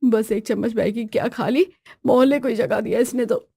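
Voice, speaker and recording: A woman's voice: fairly high pitch, steady tone, moderate pace, gravelly, warm tone, breathy edge, no room sound, clean studio sound. A woman voicing a weary, henpecked young husband in a storybook tale, grumbling and pleading.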